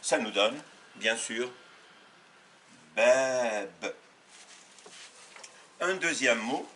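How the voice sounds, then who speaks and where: A man teaching a beginners' language lesson, patient and methodical, repeating sounds slowly and correcting himself as he goes. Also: medium pitch, lively intonation, bright, forceful tone, far from the mic, a little hiss or hum. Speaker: Arabic teacher. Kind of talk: step-by-step lesson for learners.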